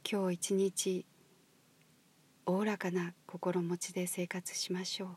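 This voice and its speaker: Woman guiding a meditation; husky, whispery, unhurried voice. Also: fairly low pitch, little pitch movement. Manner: soft, slow, breathy near-whisper. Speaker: meditation guide. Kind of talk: guided meditation. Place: outdoors at a highland marsh.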